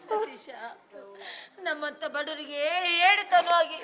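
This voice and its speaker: A woman's voice: high-pitched, takes it slowly, full character voice. A woman playing a poor widowed mother in a village stage drama, pleading tearfully with her son. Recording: stage recording with loud backing music.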